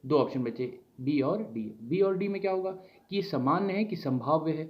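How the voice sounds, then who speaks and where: A man's voice: a little high, animated, moderate pace, dull audio. A man teaching an online exam-prep lesson, asking questions aloud and then answering them himself.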